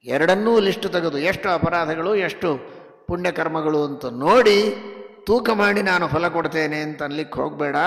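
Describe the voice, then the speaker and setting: A man with a North Karnataka Kannada accent preaches a devotional sermon, his fairly high voice rough with gravel. He chants Sanskrit verses slowly and shifts between loud emphatic stresses and quiet asides. The sound rings on in a long hall reverb. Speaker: religious teacher giving a discourse.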